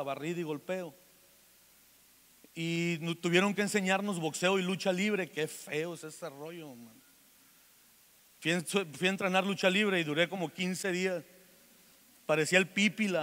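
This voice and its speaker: A fortyish man with a Mexican accent delivers a sermon in a church meeting hall, mixing jokes and anecdotes with heartfelt pleas to forgive. His voice is high and a bit bright, carrying that big-room sound.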